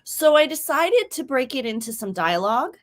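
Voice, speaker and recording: A young woman hosts a writing stream, chatting casually at normal speed. She tells stories in a lively way, acting out quoted speech with big jumps in pitch.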